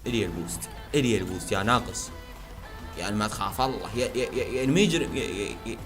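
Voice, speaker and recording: A man commentating his own gameplay, shouting, chanting and making silly sound effects. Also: lowish voice, fast, long pauses, faint music behind. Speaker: gaming video host.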